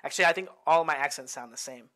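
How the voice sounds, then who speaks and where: Fast and pushed, this man's bright voice sits on the high side. He coaches boxing in California's Bay Area and chats his way through fight film, often asking "right?" and cracking himself up.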